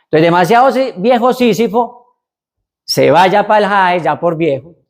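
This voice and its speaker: A man's voice: high voice, normal speed. A middle-aged man, retelling an old myth in a loose lecture with asides and restarts. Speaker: speaker on mental health and leadership. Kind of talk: storytelling lecture.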